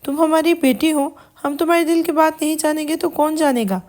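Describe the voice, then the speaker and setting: A fatherly old uncle coaxes gently, as a woman narrator reads him. The voice is kind and stays high. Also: fairly even intonation, lightly acted. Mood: gentle. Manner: kind, coaxing.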